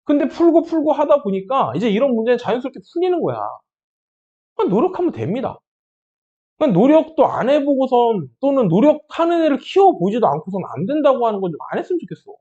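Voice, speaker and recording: Man, math teacher, high lively voice, heated and encouraging, dull lo-fi sound. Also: fast. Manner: heated, scolding yet encouraging, rhetorical questions. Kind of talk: impassioned classroom pep talk.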